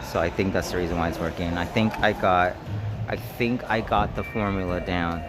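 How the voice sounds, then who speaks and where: A man's voice: sits low, fairly even intonation, normal speed, background noise. A man chatting casually and informally on a live stream while climbing at an indoor gym, thinking aloud in short bursts.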